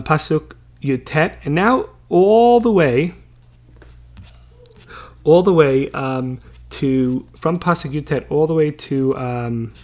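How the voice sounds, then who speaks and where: A man teaching a Bible passage in a casual way. He reads each verse slowly, translates it, and checks in with listeners as he goes. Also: mid-range voice. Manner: chatty, many fillers and checking questions.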